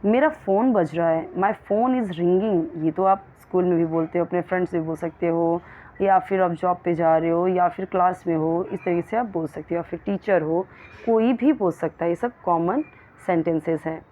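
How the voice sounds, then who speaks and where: A woman teaching spoken English to beginners, patiently explaining and saying each example sentence slowly and carefully. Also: on the low side. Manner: explains patiently, addressing learners as children. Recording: tinny phone-like audio.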